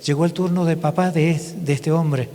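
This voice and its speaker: A male priest speaks to a parish congregation with a slightly raised voice. He tells his stories haltingly, often breaking off and starting again. His voice trails into a long reverb in the church. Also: fairly high pitch, fairly even intonation, warm tone. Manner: halting storytelling with frequent restarts. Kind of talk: testimony talk to a parish congregation.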